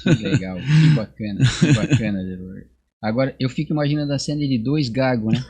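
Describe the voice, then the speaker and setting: A podcast host, chatting casually. His voice is husky and sits at an ordinary pitch for a man. He keeps things friendly with quick remarks of agreement. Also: mellow. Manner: friendly, reacting with short agreements. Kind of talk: casual chat.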